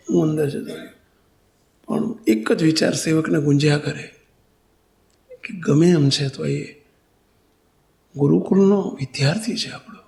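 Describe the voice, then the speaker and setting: A man's voice: high voice, creaky, darkish tone. A Gujarati-accented man giving a religious discourse to a congregation, telling a story and asking his listeners questions. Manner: storytelling, asks the audience questions. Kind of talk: sermon.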